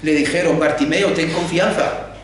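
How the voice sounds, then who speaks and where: High-voiced preacher in a booming echoey hall. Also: male voice, steady tone, moderate pace. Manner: dramatic retelling, voicing quoted lines with rises and hushed drops. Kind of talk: sermon. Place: church hall. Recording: very echoey hall, from far off, faint hum.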